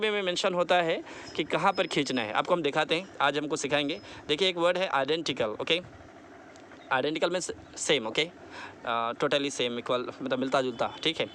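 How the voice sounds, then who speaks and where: A man teaching a spoken lesson, repeating words slowly for practice and mixing into his explanations. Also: fairly high pitch, pushed and bright, a little hiss or hum. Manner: mixes English into explanations. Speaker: English teacher.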